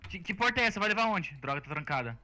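A young man with a Brazilian Portuguese accent, bantering fast and jokily with his co-player during a game, sometimes pleading in mock panic. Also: sits high, very animated, over music. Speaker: gaming co-player.

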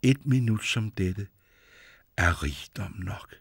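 A young storybook prince, earnest and torn, his voice low and hushed, sometimes sinking into a whisper, as a male narrator gives him voice. The voice sits fairly low and the sound is dry and close. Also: expressive, gravelly, slightly rough, no echo, heavily acted.

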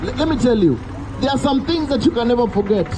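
A man's voice: extremely high pitch, expressive. A man, preaching an urgent open-air sermon by a busy road through a handheld mic and speaker. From Kenya. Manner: loud, urgent preaching with drawn-out warnings. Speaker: street preacher. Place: roadside outdoors by a busy street. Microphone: handheld mic through a portable speaker, camera at a distance. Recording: street traffic noise, open air.

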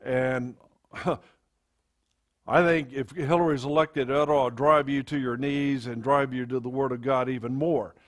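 A man preaching a sermon to his congregation into a pulpit microphone, in a halting delivery full of fillers and restarts. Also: medium pitch, steady tone. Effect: speaking into a pulpit microphone. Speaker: pastor.

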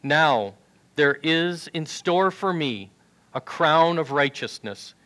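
This pastor, a man in his sixties, reads scripture from a tablet during an earnest sermon, speaking into a headset mic in a big sanctuary lined with choir risers. He talks slowly in a somewhat high, slightly bright voice with lively intonation.

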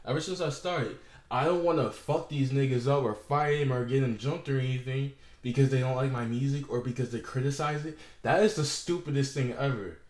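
A man's voice: mid-range voice, echoey room. A young man vlogging an angry, profane rant to the camera, repeating himself as he goes.

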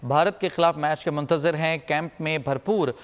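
A male news anchor reading a steady, formal voice-over summary. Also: a little high, normal speed, in a large hall.

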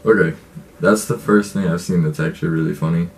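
A man's voice: sits low, fairly even intonation, fairly quick, recorded from a distance, heavy background noise. A young man giving casual commentary as the host of a reaction video, recorded in a bedroom. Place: small bedroom, indoors.

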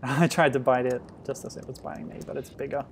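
A man casually commenting on a retro game as he plays, thinking aloud with sudden loud exclamations. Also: medium pitch, level tone, quick pace, slight background noise. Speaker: streamer.

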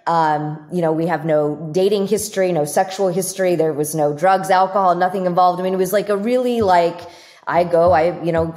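Woman, doctor guest, lower voice, casual reflective talk, lots of "like". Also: darkish tone. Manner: reflective, talks with many fillers and "like". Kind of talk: casual conversation.

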